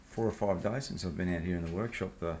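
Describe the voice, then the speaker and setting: An Australian man hosts a machining project video from his home workshop, explaining the job in a relaxed, blokey, informal way. His deep voice is a little mellow and husky, and he talks fast.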